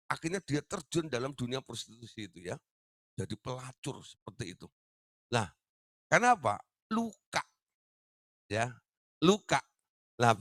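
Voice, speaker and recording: A man's voice: sits high, a bit bright, dry recording, clean studio sound. A man preaching a teaching sermon, talking directly to his listeners and often tagging his sentences with "ya". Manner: addresses listeners as "Saudara", tag-question fillers.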